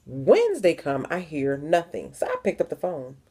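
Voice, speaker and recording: A young woman from the Philadelphia area speaks straight to the camera in a personal vlog. Her voice sits low and sounds warm and mellow. She talks frankly and leans on repeated words for emphasis. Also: wildly swooping pitch, moderate pace, slightly rough. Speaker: vlogger.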